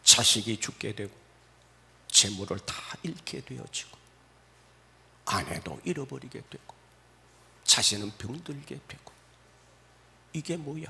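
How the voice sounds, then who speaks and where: Lively bright-voiced male preacher. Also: medium pitch, measured pace, creaky, pauses often. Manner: dramatic, swings between loud exclamations and hushed asides. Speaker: pastor. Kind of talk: sermon. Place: church service.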